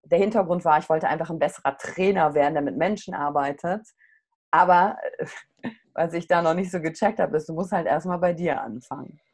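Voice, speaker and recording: A middle-aged woman, a coach, telling a personal story in casual conversation, candid and animated. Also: low-pitched, brisk.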